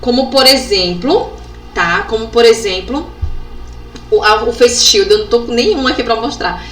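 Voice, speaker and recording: A woman leads an instructional workshop, stretching out letters and syllables as she demonstrates them and tagging her phrases with quick checks on the listener. Her voice is bright and forceful. It is recorded in a roomy, echoing space with a faint hiss behind it. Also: fairly high pitch. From Brazil. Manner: demonstrative, sounds out letters and syllables slowly, frequent tag questions. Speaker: educational psychologist teaching a workshop. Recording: echoey room with faint background noise.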